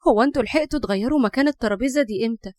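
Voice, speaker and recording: A woman's voice: fairly high pitch, racing, a little mellow, no room sound, clean studio sound, natural voice. A woman voicing a frightened young Egyptian woman haunted by spirits, in an audio horror story. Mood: confused.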